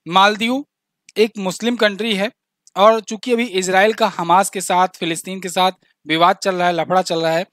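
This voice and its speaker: Male exam-prep tutor, high-pitched, talky, repeats facts, dead-dry close recording. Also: steady tone, moderate pace, a bit bright, no room sound. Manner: chatty, explains with asides and little jokes; repeats key facts, says "ठीक है ना" often. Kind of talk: current affairs quiz lesson.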